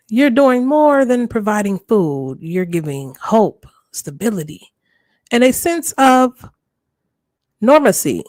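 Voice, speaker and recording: A woman's voice: medium pitch, a little mellow, no room sound. A woman hosting a gossip reaction channel, reading aloud and commenting casually.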